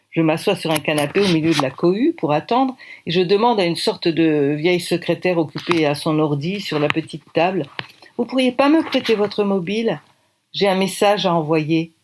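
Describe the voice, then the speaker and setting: A woman author reading her own novel aloud, with lively, expressive first-person narration. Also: on the low side. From France.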